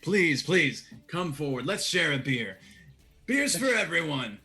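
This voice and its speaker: A man voicing a boisterous, burly male tavern brawler who talks in a hearty, booming way in a tabletop game. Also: sing-song, unhurried, bright, forceful tone, faint music behind, exaggerated voice. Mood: jovial.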